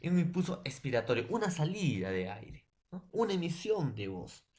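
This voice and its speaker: In a recorded online class lecture, a man from Peru teaches secondary school language, explaining patiently and repeating his points. He's repetitive, filling every phrase with tag questions, fillers, and direct addresses to students. His voice is on the high side, sing-song, and darkish in tone, at a moderate pace.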